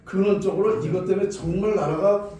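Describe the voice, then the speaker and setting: An older man answers questions as a lecturer, sounding assertive and sure. His voice is mellow and a little high. It comes through a very reverberant space, away from the mic. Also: fairly even intonation, brisk. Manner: assertive, insistent. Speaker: feng shui lecturer. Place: large echoey room with an audience. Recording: very echoey hall, distant mic, faint noise.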